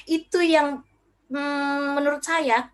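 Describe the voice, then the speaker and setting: A middle-aged woman giving a short parenting talk as a speaker, lively, acting out what parents and children say. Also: sits high, slow pace. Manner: lively, acts out quoted child and parent lines.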